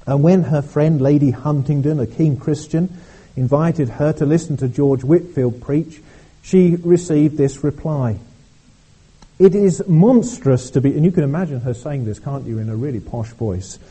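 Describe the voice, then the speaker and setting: A man's voice: on the high side, dark tone, breathy edge, rough recording. A man preaching a sermon at a church service, speaking earnestly and often repeating words as he goes. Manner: earnest, halting delivery with frequent repeated words.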